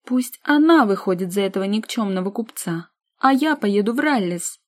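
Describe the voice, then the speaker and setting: A woman's voice: mid-range voice, fairly even intonation, normal speed, mellow, no echo, natural voice. A woman voicing a spoiled, capricious young woman who shrieks and sneers at her sister in an audiobook. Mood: indignant shrieking.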